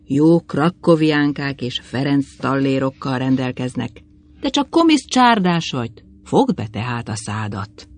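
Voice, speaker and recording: A man's voice: mid-range voice, sing-song. A man voicing a sly old wandering pilgrim who cheats at cards, humble in tone but cunning. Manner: humble-sounding yet cunning.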